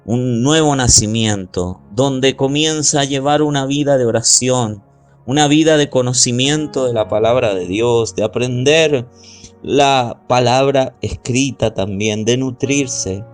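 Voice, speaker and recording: A man preaching a sermon as pastor, slowly and deliberately, stretching out key words and reading scripture aloud. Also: medium pitch, soft background music.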